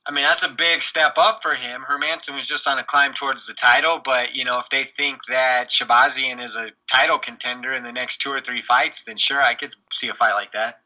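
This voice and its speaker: A man's voice: medium pitch, fairly even intonation, a little fast, few pauses, pushed and bright, low-quality recording. A man co-hosting a casual sports podcast, giving confident, opinionated fight analysis. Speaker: podcast co-host.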